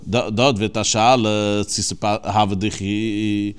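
A man's voice: lowish voice, flat delivery, takes it slowly, smooth. A man teaching a Talmud lesson, reasoning aloud through the text and asking and answering his own questions.

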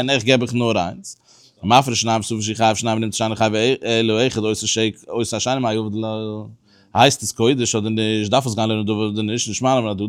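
Man giving a halting Talmud lecture. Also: medium pitch. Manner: halting and explanatory, with many restarts. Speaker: religious teacher.

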